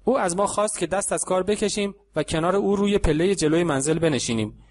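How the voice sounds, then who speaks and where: A man reading an audiobook story aloud in a calm, even narrating voice, giving the characters light voices in the dialogue. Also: high-pitched.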